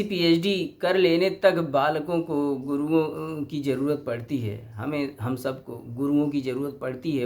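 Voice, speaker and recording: A middle-aged man giving an explanatory lecture as a teacher educator, deliberate and posing rhetorical questions to his listeners. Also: a little high.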